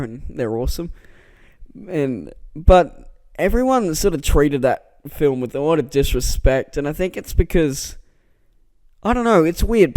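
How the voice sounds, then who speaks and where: A man with a mellow, mid-range voice delivers a rambling vlog monologue indoors, poking fun at himself and often stammering or restarting words. There's no echo, and the close mic pops on plosives.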